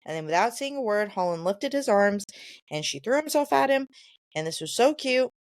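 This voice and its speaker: A woman's voice: medium pitch, animated, moderate pace, no room sound, clean studio sound. A woman co-hosting a podcast, casually retelling book chapters and quoting characters in a chatty way. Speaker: podcast co-host.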